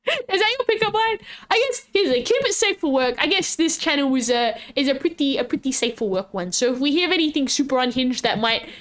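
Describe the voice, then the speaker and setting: High-pitched cute anime-streamer woman, playful game master. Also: expressive, brisk, fairly bright tone. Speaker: livestream host and game master. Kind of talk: casual improvised role-play narration to a stream chat.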